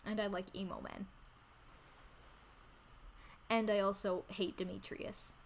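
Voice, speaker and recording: A woman chatting casually on a livestream in a cute anime-streamer manner, gushing and excitable, repeating phrases for emphasis. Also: mid-range voice, slow pace, gravelly, slight background noise. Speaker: VTuber streamer introducing themself. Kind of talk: casual livestream chat about games.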